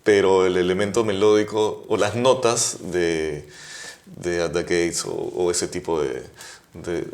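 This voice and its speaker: A man speaks as a guest in a casual interview, his voice sitting fairly low. He thinks aloud, restarts phrases and keeps checking in with little tag questions. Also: steady tone, takes it slowly, a little mellow. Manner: thoughtful, hedging, many restarts and tag questions. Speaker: guest guitarist.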